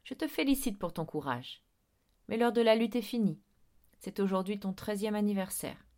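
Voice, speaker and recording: A woman's voice: mid-range voice, moderate pace, darkish tone, natural voice. A woman voicing a sly vampire headmaster. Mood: calm, solemn. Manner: coaxing, sly, growing insistent. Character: smooth persuasive male vampire headmaster, sinister. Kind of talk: audiobook reading.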